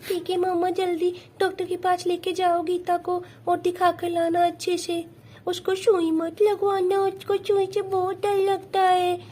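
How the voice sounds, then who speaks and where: A woman voicing a soft-spoken little doll sister. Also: very high-pitched, completely flat delivery, measured pace. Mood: worried. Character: young girl doll, caring sister. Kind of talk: doll play story.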